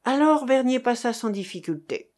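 A woman narrating a chapter of a novel as an audiobook, with a measured, dramatic reading. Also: on the high side, animated, darkish tone. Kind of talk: scripted narration.

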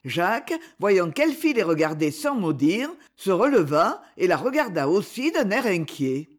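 Expressive woman reading a story. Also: lowish voice, measured pace. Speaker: narrator. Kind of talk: scripted narration.

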